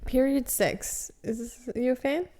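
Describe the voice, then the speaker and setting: A woman co-hosts a casual podcast with a slightly high voice. She chimes in often to agree and adds stories of her own. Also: normal speed, mellow. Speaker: podcast co-host. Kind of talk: casual chat.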